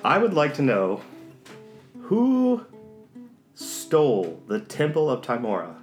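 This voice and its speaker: A man plays a tabletop game, joking as he describes what his character does. His pitch moves in a lively way. The sound is roomy, with soft guitar behind. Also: slow pace. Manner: joking, chatty. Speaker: player.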